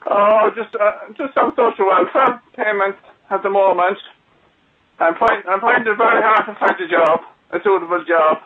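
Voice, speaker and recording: A man from Galway with a west of Ireland accent, calling a radio phone-in and speaking haltingly as he searches for words. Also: sits high. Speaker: phone-in caller. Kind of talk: hesitant personal account on a radio phone-in. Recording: muffled phone line on radio.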